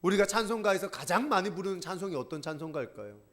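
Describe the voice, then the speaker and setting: Animated high-voiced male pastor. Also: fast talker. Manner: animated storytelling, addressing the congregation. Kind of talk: sermon.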